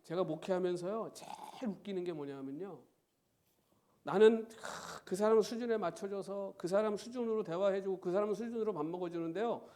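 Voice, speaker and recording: A middle-aged male pastor preaching a sermon, firing rhetorical questions at the congregation in an animated way. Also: sits high, moderate pace. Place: church sanctuary.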